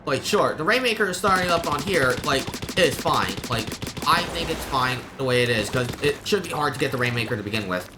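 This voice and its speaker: This game streamer's mid-range voice is expressive and brisk as he offers rambling, opinionated live commentary, explaining the action on the fly. Background noise is clearly present.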